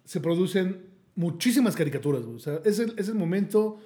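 A man's voice: high voice, animated, brisk, mellow. A man with a Mexican Spanish accent co-hosting a podcast, rambling casually with slang and repeated words. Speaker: podcast co-host. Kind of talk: casual chat.

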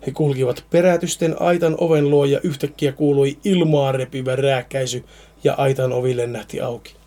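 A man's voice: medium pitch, fairly even intonation, dark tone. A man reading a Finnish horror story aloud, now and then stumbling and repeating words.

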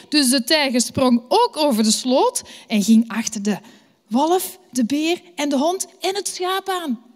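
A Flemish woman telling a children's story at a church service, lively and asking the children questions. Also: sits high. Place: church hall. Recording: long hall reverb.

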